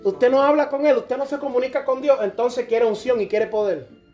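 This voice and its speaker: A man's voice: very high-pitched, fairly even intonation, normal speed, a little mellow, faint music behind. A middle-aged man preaching a sermon, fervent and direct, now and then acting out churchgoers in dialogue. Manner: impassioned, acts out church members in dialogue.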